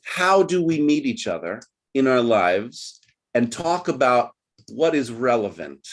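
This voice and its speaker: A man's voice: medium pitch, big pitch swings, measured pace, slight background noise. A man leading an online group English lesson over a video call, patient and coaching, repeating phrases for his learners. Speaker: English teacher.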